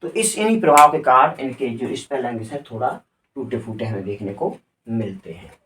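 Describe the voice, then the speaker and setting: A man's voice: mid-range voice, animated, moderate pace, a bit bright, roomy sound, far from the mic, a little hiss or hum. A man gives a grammar lecture in a mid-range voice. He spells words out letter by letter and keeps asking the class questions. He is recorded from a little way off the microphone. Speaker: grammar teacher.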